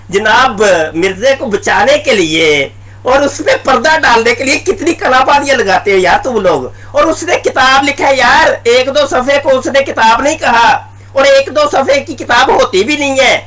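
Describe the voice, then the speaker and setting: A man argues a religious point in a recorded voice message, pressing his opponent for quick answers. He mocks the other side's claims and laughs at them. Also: extremely high pitch, animated, a bit bright. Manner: mocking, demanding, laughs at opponent. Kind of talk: heated religious debate voice message.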